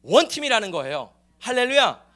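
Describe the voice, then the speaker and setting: A male pastor preaching a sermon to his congregation, emphatic and lively, often calling out hallelujah and asking the listeners questions. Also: extremely high pitch, a little fast. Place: church sanctuary.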